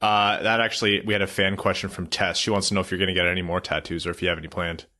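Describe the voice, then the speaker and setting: Easygoing male podcast host, lowish voice. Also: flat delivery, racing, pushed and bright. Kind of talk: casual interview chat.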